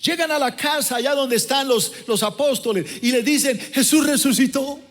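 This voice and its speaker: A man's voice: very high-pitched, a little fast, fairly bright tone. A man, preaching a dramatic sermon as pastor and acting out scenes. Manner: dramatic, acts out scenes with voices. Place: large church auditorium. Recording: long church-hall reverb.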